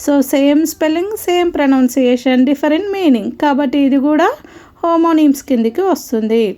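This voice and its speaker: Woman, teacher, high voice, mellow tone, patient and repetitive, spells words aloud. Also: a little fast. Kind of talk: grammar lesson explaining word pairs.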